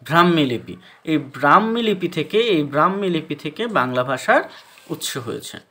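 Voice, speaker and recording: A man's voice: a little high, animated, moderate pace, bright, forceful tone. A man teaching a class, explaining step by step and asking questions that he answers himself, with many hesitation sounds. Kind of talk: classroom lecture.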